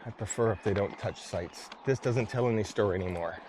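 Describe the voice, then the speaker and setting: Brief: lower-pitched male vlogger, casual and skeptical, outdoors, faint background noise. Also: a little fast. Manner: skeptical, musing aloud. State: tired from hiking. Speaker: vlog host. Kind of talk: casual walking commentary. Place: outdoor ancient ruins.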